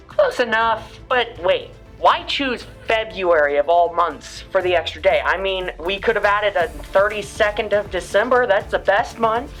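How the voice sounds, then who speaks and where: A woman's voice: fairly low pitch, fairly bright tone. A woman hosting a scripted school-news explainer segment, talking in a playful way with jokey asides. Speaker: student news segment host.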